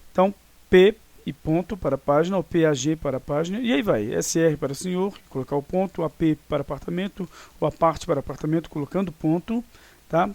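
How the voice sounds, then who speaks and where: A man teaching a class, with a fairly high voice for a man. He explains patiently and keeps checking that his students follow. The sound is close and dry. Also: a little mellow, no room sound. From Brazil. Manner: explains slowly with frequent check-in tags. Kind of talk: recorded online class.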